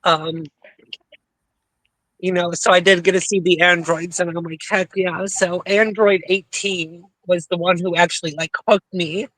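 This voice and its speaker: Dry, bright-voiced woman chatting and laughing. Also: on the low side, steady tone, measured pace, no room sound. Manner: laughs easily, rambling asides. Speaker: podcast co-host. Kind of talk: casual group chat.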